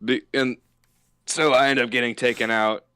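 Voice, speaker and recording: A young man casually telling school stories on a podcast, animated and laughing at his own tales. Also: medium pitch, normal speed, clear, resonant tone, no room sound. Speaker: podcast host. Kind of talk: casual storytelling.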